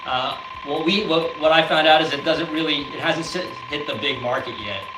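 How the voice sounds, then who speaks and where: A man's voice: on the high side, moderate pace. A man born in the Philippines, a guest on a video call, speaking casually with many fillers. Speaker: guest, product founder. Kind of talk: casual interview talk. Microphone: laptop mic on a video call. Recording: echoey room with noise over a laptop mic.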